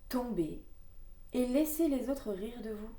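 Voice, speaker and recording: A woman reading oracle cards aloud, with gentle, musing asides and fillers between readings. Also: fairly high pitch, animated, unhurried. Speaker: card reader. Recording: echoey room, voice from a distance.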